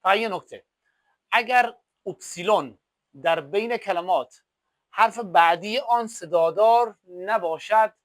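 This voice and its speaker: A male teacher and native Persian speaker explaining German grammar, drawing out example phrases slowly and repeating them as drills. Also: sits high, no room sound. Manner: slow, drawn-out German example phrases between quick explanations. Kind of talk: language lesson explaining examples.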